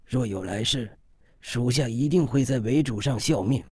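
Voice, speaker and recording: A man voicing a devoted male subordinate who is dying, speaking hoarse, breathless and in broken phrases in an audiobook. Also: mid-range voice, animated, darkish tone, dry recording, clean studio sound. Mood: pleading, fading. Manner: halting, broken-up speech.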